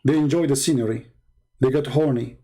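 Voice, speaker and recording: A man's voice: mid-range voice, brisk, dark tone, husky, rough recording. A man from the Middle East giving a sarcastic, mocking polemical monologue as a debater, issuing challenges.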